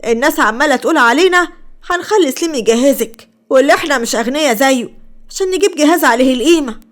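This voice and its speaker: A woman's voice: sits high, lively intonation, fast, voice pushed up. A woman with an Egyptian Arabic accent voicing a greedy, two-faced middle-aged aunt who nags. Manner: nagging, fake-sweet.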